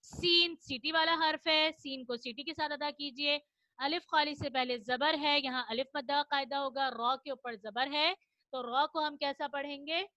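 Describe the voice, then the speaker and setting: A woman teaching children Quran recitation online, explaining each rule and then chanting the verses slowly for them to repeat. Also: sits high, fairly even intonation, bright, forceful tone, dry recording, muffled recording. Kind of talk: online children's tajweed lesson.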